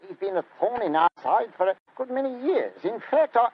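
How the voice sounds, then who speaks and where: Working class copper, inspector type, hesitant but polite, sing-song pitch, muffled old radio. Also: male voice, sing-song, fairly quick, slightly rough, exaggerated voice. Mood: grudging. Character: stolid, begrudging working-class male police inspector. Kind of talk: 1940s radio drama acting.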